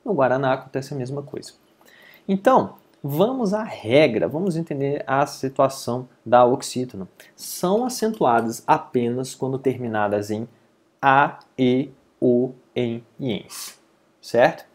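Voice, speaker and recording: A man's voice: mid-range voice, expressive, a little slow. A man with a Brazilian Portuguese accent teaching an online grammar lesson, explaining patiently and often checking that listeners follow.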